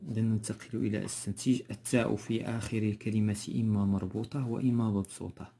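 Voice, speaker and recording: A male teacher with a Moroccan accent works through a textbook lesson patiently, step by step, and repeats the key terms. His voice sits low and sounds mellow and dark, with a husky edge. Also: level tone, fast talker.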